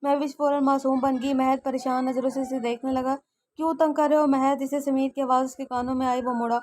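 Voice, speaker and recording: A woman's voice: high-pitched, little pitch movement, fairly quick, a little mellow. A woman reading a romance novel aloud as an audio story, giving all the characters her own voice, with frequent slips and self-corrections.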